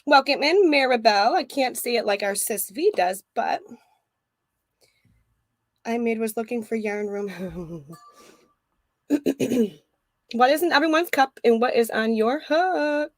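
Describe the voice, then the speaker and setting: A woman in her thirties or forties hosting a casual crochet livestream from her craft room, warmly greeting viewers by name. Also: fairly high pitch, slow pace, pauses often, no echo. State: out of breath.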